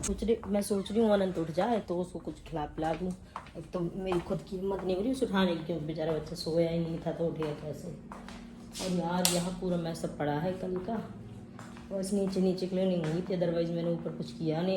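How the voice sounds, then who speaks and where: A woman's voice: lowish voice, noisy background. A young woman chatting casually to her vlog viewers at home, talking about her day and coaxing her sleepy child. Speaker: vlogger. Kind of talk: casual daily vlog chat. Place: home indoors.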